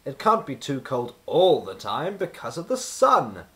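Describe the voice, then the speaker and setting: Man playing an emphatic, brisk old wizard. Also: mid-range voice, wildly swooping pitch, fairly bright tone, exaggerated voice. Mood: emphatic, indignant. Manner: emphatic, exclamatory, grandly wordy. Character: wise old male wizard, brisk, commanding and exclamatory.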